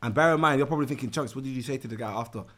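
A man's voice: medium pitch, very fast, a bit bright. A man in his twenties with a London roadman accent, chatting and telling stories in heavy street slang. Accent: London, urban street (roadman) style. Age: 20s. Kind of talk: casual slang-heavy banter and storytelling.

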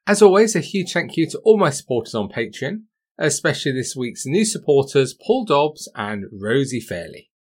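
A man with a British accent reading scripted narration in the measured manner of a true crime narrator, as a podcast host. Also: mid-range voice, sing-song, slightly rough.

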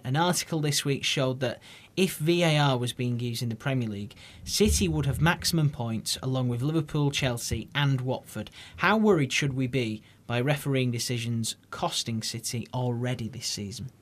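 A man hosting a podcast, briskly reading out listener questions to his panel. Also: medium pitch. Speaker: podcast host.

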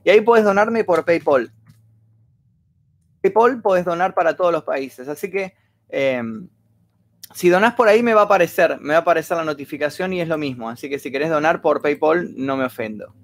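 A man's voice: a little high, lively intonation, brisk. A man with an Argentine accent hosts a casual livestream, rambling, reading viewers' stories aloud and thanking donors at length. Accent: Argentine Spanish. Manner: reads viewer messages aloud.

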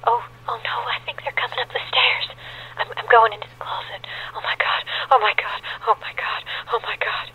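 A woman's voice: sits high, moderate pace, hardly any pauses, fairly bright tone. An actress playing a frightened woman caller who whispers, sobs and shrieks, later laughing as a deranged killer. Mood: terrified whisper. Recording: tinny phone line.

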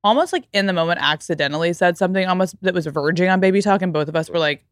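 A young woman on a podcast she hosts talks very fast at a fairly low pitch, casual and emphatic, saying "like" often, and she also reads an ad. The recording is dry and clean, with studio sound.

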